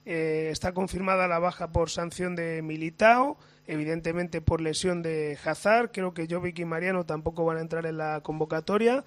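A hoarse man giving a brisk, factual club report on a sports radio show. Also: on the high side, fairly even intonation, no room sound. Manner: brisk, factual news delivery.

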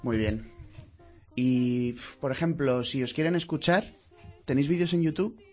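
A man hosting a student radio program, asking guests questions in a relaxed, conversational way. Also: medium pitch, moderate pace. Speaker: radio host. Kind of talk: radio interview.

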